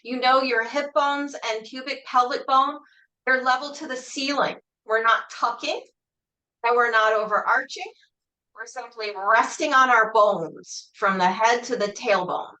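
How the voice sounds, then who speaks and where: Woman fitness instructor, high bright voice, calm encouraging class cues. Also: measured pace, rough recording. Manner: calm, encouraging, asks reflective questions. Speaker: Pilates instructor. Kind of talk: guided exercise class cueing.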